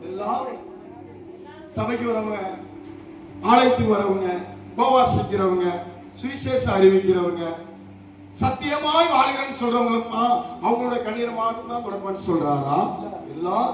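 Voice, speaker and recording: A middle-aged man preaching a rousing call-and-response sermon, swinging between shouts and hushed testimony. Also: sits high. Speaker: pastor. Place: large church hall. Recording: echoey hall, distant mic, noisy.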